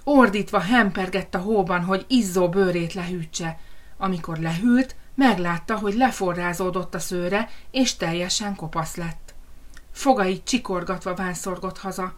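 Woman reading a kids fairy tale, kinda low voice, lively and expressive. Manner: lively, expressive storybook narration. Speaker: storyteller. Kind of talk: children's story reading.

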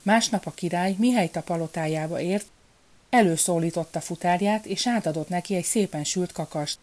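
A woman narrates a folk fairy tale in a calm, measured way. Her voice sits low and sounds mellow and warm. It is steady storybook narration.

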